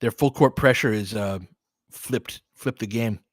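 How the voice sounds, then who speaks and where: The studio sound is clean and dry as this man hosts a basketball stream, calling the action casually in short, clipped phrases and chatting with fans. His voice sits on the low side and he talks a little slowly.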